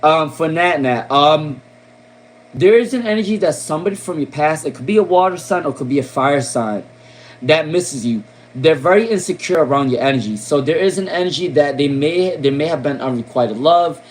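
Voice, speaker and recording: An animated man with a fairly high voice and moderate pace reads tarot on a casual live stream in a Long Island accent. Chatty and heavy on "um," he often repeats names and questions and wraps up points with "okay?" or "all right?"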